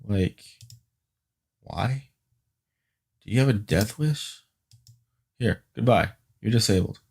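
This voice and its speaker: A man's voice: fairly low pitch, slow pace, creaky, a little mellow, husky. A man teaching a live-streamed IT class, muttering and grumbling at the computer while he reads out network addresses as he types. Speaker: IT instructor.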